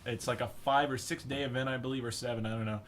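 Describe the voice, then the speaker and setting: A young man chatting on a casual podcast, rambling eagerly and filling gaps with likes and ums. His voice sits at an ordinary male pitch, with faint noise behind it. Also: steady tone, fast, fairly bright tone. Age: young adult. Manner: enthusiastic, rambling with fillers. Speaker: podcast co-host. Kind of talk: casual chat.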